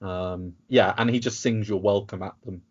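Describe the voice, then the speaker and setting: A man's voice: on the low side, fairly even intonation, moderate pace, a little mellow, slightly rough, dull audio. A British man talking in a casual podcast chat, rambling and sarcastic, with frequent restarts. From United Kingdom. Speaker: podcast guest.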